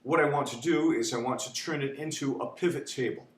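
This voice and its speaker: A man's voice: medium pitch, a little fast. Man, spreadsheet lesson, chatty and theatrical, roomy echo, faint background hum. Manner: chatty, repeats "okay?", dramatizes panic. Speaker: instructor. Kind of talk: spreadsheet tutorial. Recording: echoey room with faint hum.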